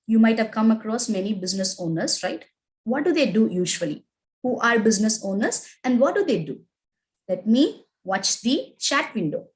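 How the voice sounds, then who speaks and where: A woman's voice: a little high, big pitch swings, normal speed, low-quality recording. A woman with an Indian English accent, teaching a live online class. She asks the class questions, reads their chat answers aloud and keeps adding "right?" and "okay?". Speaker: agile training instructor.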